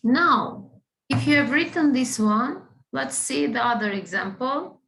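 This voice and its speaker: A woman's voice: sits high, unhurried, vocal fry, fairly bright tone, poor audio. A woman teaching a math class, patient, often checking in with the students. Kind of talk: classroom lesson.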